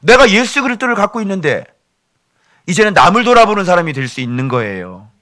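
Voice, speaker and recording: A male pastor delivers a sermon with a bright, forceful tone and a lively, swooping pitch. His voice sits slightly higher than most men's. He keeps the congregation engaged with animated, joking asides. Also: fast.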